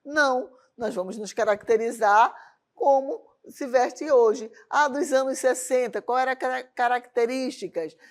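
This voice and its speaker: A woman's voice: high voice, unhurried. A woman teaching a televised arts lesson, often checking in with the class through rhetorical questions. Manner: asks rhetorical questions to the class, tag questions like "certo?". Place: lesson studio with a loom as a prop.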